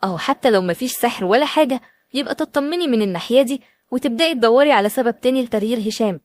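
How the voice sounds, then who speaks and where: A woman doing a higher, coaxing Egyptian friend. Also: very fast, darkish tone, no room sound, lightly acted. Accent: Egyptian Arabic. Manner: coaxing, reassuring. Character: caring woman friend giving gentle advice.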